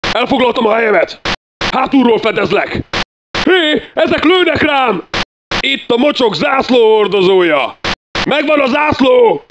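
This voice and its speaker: Man doing a brash game soldier, high lively voice, crude taunts, lo-fi, hissy. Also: heavily acted. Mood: commanding. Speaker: game character voice lines. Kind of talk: fan-made game dub shouts and taunts. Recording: dull lo-fi recording with noise.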